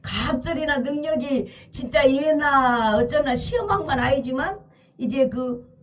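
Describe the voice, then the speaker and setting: A woman's voice: high-pitched, distant mic. A woman preacher telling a scripture story as a dramatic, emphatic sermon, often crying out hallelujah.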